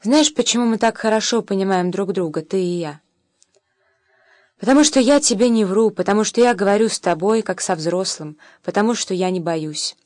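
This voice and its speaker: A woman reading the lines of a tender young mother who calmly teaches her son, in a soft, measured voice. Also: mid-range voice, no echo, clean studio sound, lightly acted. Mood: gentle, reflective.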